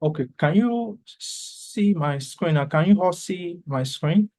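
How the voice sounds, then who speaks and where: Guy teaching on a video call, slow and patient, lots of uh and you know, voice sits a little high. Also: lively intonation, warm tone. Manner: unhurried, checks the audience often, fills pauses with "uh" and "you know". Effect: heard over a video call. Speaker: lecturer. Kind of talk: online class lecture.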